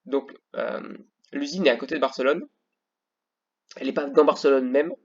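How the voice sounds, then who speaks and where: A man's voice: medium pitch, steady tone, moderate pace, lo-fi sound. A male teacher talking through a slideshow lesson, hesitant, with many fillers and restarts.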